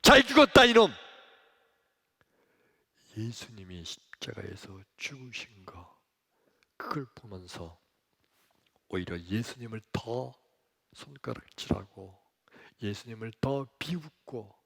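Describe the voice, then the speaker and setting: A male pastor preaching a sermon in a church, dramatic, moving from hushed whispers to loud exclamations. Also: fairly low pitch, slow pace, gravelly, pauses often, husky. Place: church sanctuary, streamed for online worship.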